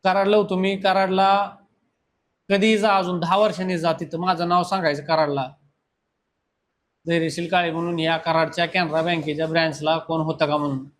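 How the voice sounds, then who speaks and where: A man's voice: a little high, little pitch movement, a little fast, fairly bright tone. A man, teaching a class and lecturing students bluntly. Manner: scolding, blunt, talks straight at students. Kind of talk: classroom lecture and pep talk.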